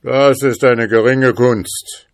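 A man voicing a huge, boastful bottle spirit who threatens in a loud, raised voice. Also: slow pace, dry recording, clean studio sound, natural voice. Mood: menacing. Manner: booming, threatening, later pleading.

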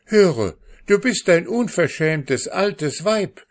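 A man's voice: high voice, animated, takes it slowly, voice pushed up. Brief: male reader doing a cheeky little boy, raised voice, storybook. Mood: indignant. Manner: indignant, scolding. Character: bold, indignant young market boy.

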